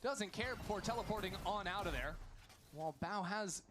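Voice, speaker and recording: A man doing energetic live play-by-play commentary on an esports match. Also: sits high, background noise. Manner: quick energetic calls of the action.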